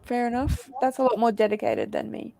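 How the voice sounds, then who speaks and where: Female livestream host on a video call, slightly high and gravelly, chatty, reads viewer comments. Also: fairly even intonation, brisk, mellow. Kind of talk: casual livestream chat.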